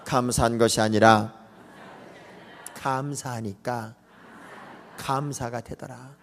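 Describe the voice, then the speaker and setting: A Korean man preaching a revival sermon as pastor, swinging from loud cries to soft asides and acting out short scenes. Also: medium pitch, steady tone, slow pace, noisy background. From South Korea. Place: large church sanctuary. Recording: long echoing hall reverb.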